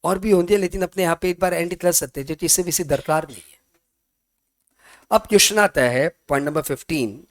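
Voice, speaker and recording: A man's voice: on the high side, brisk. Chatty man teaching a class. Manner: chatty, mixes Hindi and English, asks students questions; voices imagined student questions. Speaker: tax teacher. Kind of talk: classroom lecture.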